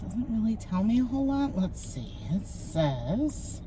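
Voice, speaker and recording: A woman's voice: a little high, big pitch swings, unhurried, noisy background. A woman guest tasting and chatting in a dry, teasing way. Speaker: guest taster. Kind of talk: casual chat.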